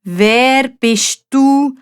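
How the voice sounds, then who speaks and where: A huge old-world storybook dragon, acted out by a woman, gruff and imperious. He challenges slowly, with a growl in the delivery. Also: high-pitched, pitched above the performer's own voice. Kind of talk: storybook character voice.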